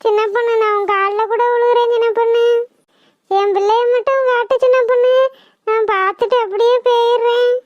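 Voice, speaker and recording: A woman's voice: very high-pitched, steady tone, a little fast, no echo. A woman voicing a desperate female ghost mother in a cartoon, begging over and over for help to see her child. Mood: pleading. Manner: begging, repeats pleas over and over. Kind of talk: cartoon voice acting. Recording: dull lo-fi, dry.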